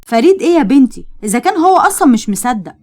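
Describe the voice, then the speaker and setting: Woman narrator playing an eccentric young Egyptian girl inventor: high, excited and defiant, rattling off her lines. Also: rapid-fire.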